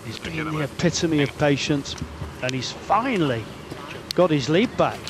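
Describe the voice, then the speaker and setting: A man giving live golf television commentary as a golf commentator, in short, measured appraising phrases with tag questions. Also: on the high side. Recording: noisy outdoor ambience behind the voice. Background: steady outdoor course noise.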